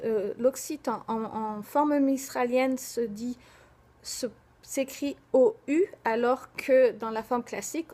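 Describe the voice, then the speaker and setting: A young woman giving a recorded slide presentation, pausing often with fillers and spelling words out letter by letter. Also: fairly high pitch, warm tone. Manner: hesitant, frequent filler pauses.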